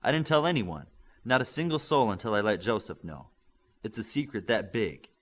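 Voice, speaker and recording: A man voices a commanding adult male superhero team leader, speaking firmly, briskly and with authority. His pitch is fairly low and his delivery expressive.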